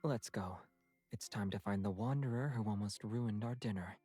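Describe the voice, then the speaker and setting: A man playing a calm, devoted young hunter in a video game, with a flat, apathetic, unhurried delivery. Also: fairly low pitch, slightly rough, soft background music. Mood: calm, understated.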